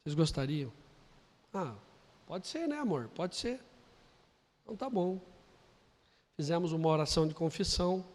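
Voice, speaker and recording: Brazilian man, pastor, high-pitched voice, sermon in a church hall, long reverb. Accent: Brazilian Portuguese. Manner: builds from quiet storytelling to loud emphatic preaching. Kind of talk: sermon with storytelling.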